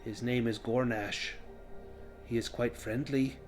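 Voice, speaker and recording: A man voicing a servile, sly goblinoid slave from a cave, halting and deferential in a tabletop game. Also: medium pitch, fairly even intonation, soft background music, lightly acted. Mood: meek, evasive.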